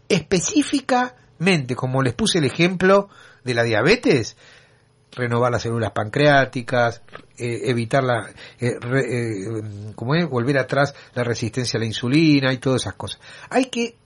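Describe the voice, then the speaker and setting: A man's voice: mid-range voice, fairly bright tone. A man with a Rioplatense accent, hosting a show and telling a story straight to his listeners, often asking them rhetorical questions. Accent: Rioplatense Spanish. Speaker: show host. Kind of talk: storytelling talk to an audience.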